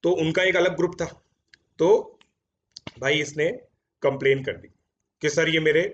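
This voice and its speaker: A chatty man in his thirties tells his students a story, mixing Hindi and English and tossing in "theek hai" fillers. His voice sits a little high for a man. The sound is dull and lo-fi, recorded in a home studio. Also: steady tone, unhurried, a little hiss or hum. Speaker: JEE coaching educator.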